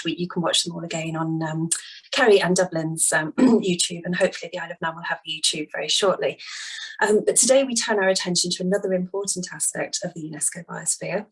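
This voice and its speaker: A woman with a lowish, slightly husky voice hosts a webinar. She reads friendly introductions from a script, with the odd filler along the way. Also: low-quality recording. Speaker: webinar host. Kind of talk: hosting a webinar.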